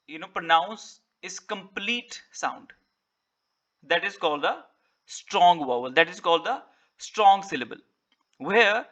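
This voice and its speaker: A man's voice: high voice, bright, forceful tone. A man with an Indian English accent teaching an online exam-prep lecture, switching between Hindi and English and checking in with "right?" as he explains. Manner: mixes Hindi and English, explains patiently with repeated "right?" and "ठीक है".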